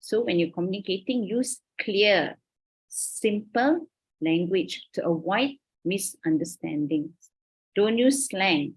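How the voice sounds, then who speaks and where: In a rough recording, a woman lectures online to her university class, her Malaysian English accent clear over the video call. Her mid-range voice is animated with a breathy edge, and she takes things slowly, explaining carefully and often checking "okay?"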